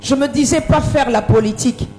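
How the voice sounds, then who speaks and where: High-voiced young woman giving church testimony. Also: soft background music. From Democratic Republic of the Congo. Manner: speaks in short phrases, pausing for translation, at times shouting. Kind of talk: church testimony with live interpreter.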